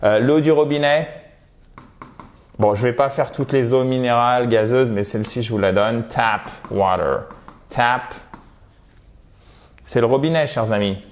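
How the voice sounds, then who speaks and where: A man's voice: medium pitch, moderate pace, a little mellow. A man teaching English to French speakers in a video lesson, explaining patiently and playfully exaggerating example pronunciations.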